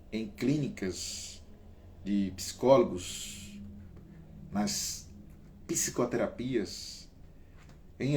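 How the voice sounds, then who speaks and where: A man's voice: mid-range voice, slight background noise. A man from Brazil hosting a casual talk, coaching listeners through breathing exercises and calling on them by name. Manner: animated, emphatic, varies pace and loudness. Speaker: host.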